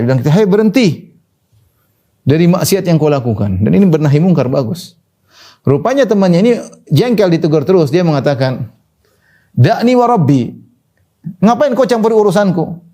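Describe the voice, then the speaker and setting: Male preacher, animated scolding sermon, warm mellow tone. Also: a little high. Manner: lively, scolding, mixes Arabic quotations.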